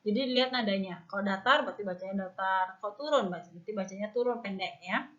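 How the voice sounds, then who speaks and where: A woman's voice: medium pitch, fast talker, fairly bright tone. Indonesian lady teaching mandarin online, patient step by step explaining, kinda muffled lo-fi audio. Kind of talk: online language lesson. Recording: dull lo-fi recording.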